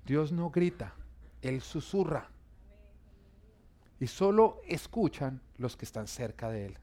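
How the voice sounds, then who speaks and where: A man's voice: medium pitch, very animated, takes it slowly. Man preaching an emphatic sermon. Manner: emphatic preaching with rising, forceful emphasis on key phrases. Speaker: pastor.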